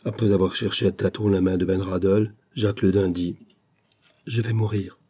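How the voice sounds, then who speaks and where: Low, husky man narrating a novel. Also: flat delivery, brisk, dark tone. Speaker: audiobook narrator. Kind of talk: literary audiobook narration.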